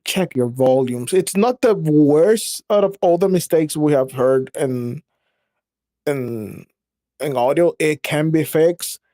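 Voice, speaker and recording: Slow, mellow woman judge giving advice. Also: deep voice, dry recording, clean studio sound. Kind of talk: casual livestream chat.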